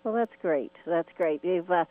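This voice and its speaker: A woman's voice: on the low side, normal speed, no room sound. A woman interviewing a radio host, friendly and admiring, who often restarts her sentences. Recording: phone-like narrow band.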